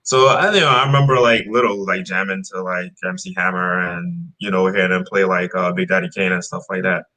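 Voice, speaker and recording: On a rough recording, a man from Trinidad in his thirties speaks in a low voice, fairly quickly and with few pauses. The rapper guest loosely recounts his start in music during a casual interview, using fillers and restarting often.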